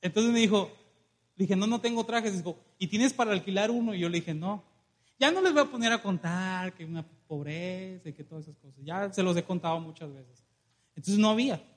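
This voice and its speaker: Animated high-voiced preacher. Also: male voice, brisk. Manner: animated, calls congregation to respond, acts out dialogue. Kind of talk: lively sermon with storytelling. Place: church.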